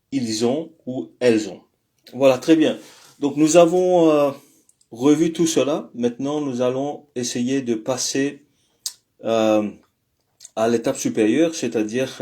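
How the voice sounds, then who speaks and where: A man teaching a language lesson, explaining step by step with patient pauses, frequent fillers and the odd self-correction. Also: medium pitch, dark tone.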